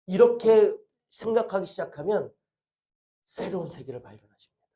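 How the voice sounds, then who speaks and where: A middle-aged man preaching to his congregation, his pitch a little high and his tone mellow. He keeps asking his listeners questions and answers them himself, in an earnest preaching manner. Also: animated, moderate pace. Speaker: pastor. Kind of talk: sermon.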